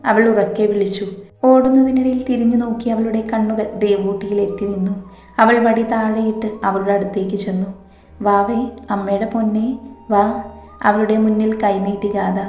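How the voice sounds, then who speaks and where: A woman narrating a romance story in a soft, even, unhurried way. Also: mid-range voice. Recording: echoey room, faint music behind.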